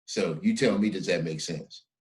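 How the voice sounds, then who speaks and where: Low-voiced emphatic middle-aged man. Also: normal speed, darkish tone, low-quality recording. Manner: emphatic, peppers speech with "man". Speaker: podcast host. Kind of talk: casual interview chat.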